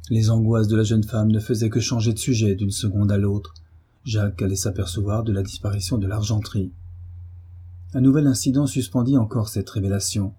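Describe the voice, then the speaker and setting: A man narrating a classic novel as an audiobook, reading in a measured, steady way. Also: fairly low pitch, husky. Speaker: audiobook reader.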